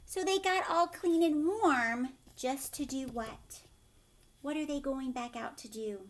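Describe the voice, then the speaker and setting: A woman with a high-sitting voice reads a picture book to small children as their teacher, at a measured pace. She reads expressively, drawing out words and dipping into hushed asides with questions for them.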